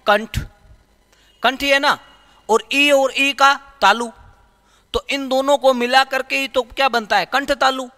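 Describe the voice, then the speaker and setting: Man, grammar teacher, high bright voice, repeats terms as quiz questions, sounds out letters, long room reverb. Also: fairly even intonation, a little slow, pauses often. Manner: repeats key terms as questions and answers them; demonstrates sounds aloud, drawn out. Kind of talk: classroom-style grammar lesson.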